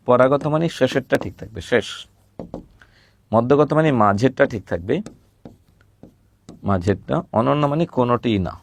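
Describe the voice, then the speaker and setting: A man teaching a recorded grammar lesson, patiently repeating words slowly and asking questions he then answers himself. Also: mid-range voice, slight background noise.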